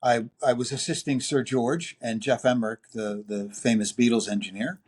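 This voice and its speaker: A man in his sixties with a New York accent, telling long anecdotes as an interview guest, full of fillers and lively quoted voices. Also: medium pitch, moderate pace, husky. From New York City. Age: 60s. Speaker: music producer and engineer guest. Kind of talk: casual interview storytelling.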